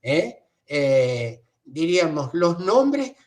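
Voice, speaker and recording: A man lecturing as a university professor, unhurried, checking in with tag questions and fillers. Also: a little high, sing-song.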